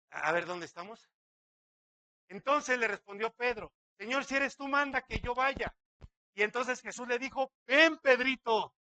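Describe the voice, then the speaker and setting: A man's voice: extremely high pitch, sharp tone, dry recording. A man, a pastor preaching a sermon dramatically, acting out quotes and asking many rhetorical questions.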